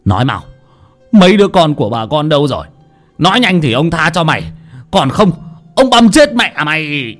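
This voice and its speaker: A man voicing a furious, vengeful old village man who shouts threats. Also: sits high, very animated, normal speed, soft background music, pitched above the performer's own voice, exaggerated voice.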